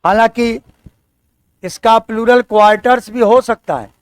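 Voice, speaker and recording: A man teaching an exam-prep English lesson. His voice is high and smooth, and he takes his time, repeating each key word and quizzing his students. The sound is close and dry. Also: unhurried, dry recording.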